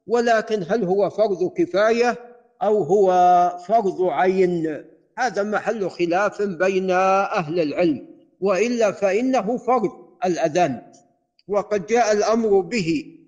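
A man teaching a hadith class as sheikh, explaining in a measured way and reciting set formulas in a lowered voice. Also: muffled recording.

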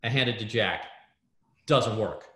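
Excitable man in a roomy echo. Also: on the low side, unhurried. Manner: excitable, lots of fillers and restarts. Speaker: guest, startup hardware builder. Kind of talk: animated storytelling in an interview.

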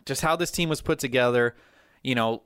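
Smooth-voiced, excitable sports podcast host. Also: male voice, medium pitch, brisk, no room sound, studio quality. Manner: energetic, rambling, fan enthusiasm. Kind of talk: casual sports chat.

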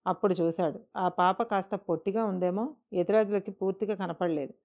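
A woman narrating a scripted story in a measured, emotive way. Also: mid-range voice, steady tone. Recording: dull lo-fi recording.

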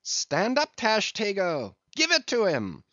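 A man voicing a rowdy, excitable whaleboat mate who bellows orders at his crew. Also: a little high, slow, no room sound, muffled recording, pitched above the performer's own voice, heavily acted. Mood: yelling urgently. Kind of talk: audiobook character voice.

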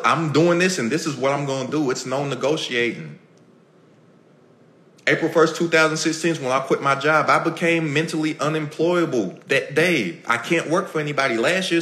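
A man's voice: a little high, brisk, fairly bright tone, reverberant. A man hosting a motivational podcast, talking straight to listeners in an emphatic, repetitive, preachy way and acting out bits of everyday dialogue. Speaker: podcast host. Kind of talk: motivational talk to a live audience.

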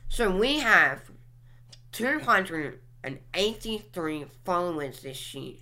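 Slow-talking bright-voiced young woman. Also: fairly low pitch, lively intonation. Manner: drawn-out, musing, talks while clicking through apps. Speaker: podcast host reviewing her channel stats. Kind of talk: casual solo commentary.

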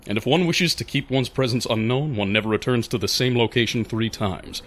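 A man playing a big, stoic outlaw biker in an audio drama, speaking in formal, deliberate phrases with a tender streak underneath. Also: medium pitch, fairly bright tone, natural voice. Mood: stoic, quietly wounded. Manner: formal, stilted, deliberate phrasing without contractions.

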